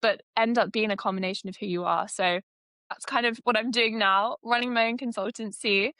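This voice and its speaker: Her voice sits on the high side, fairly bright and fairly even in intonation, and she talks a little fast with no echo in the recording. She is a British woman in her twenties, an AI consultant who laughs a lot as she eagerly answers podcast interview questions.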